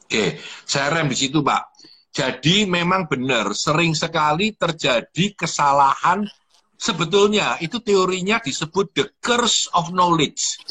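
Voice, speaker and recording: A man hosting an online live chat about workplace communication, explaining with relaxed anecdotes and acted-out little dialogues. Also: on the high side, unhurried, husky. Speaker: host. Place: online video call.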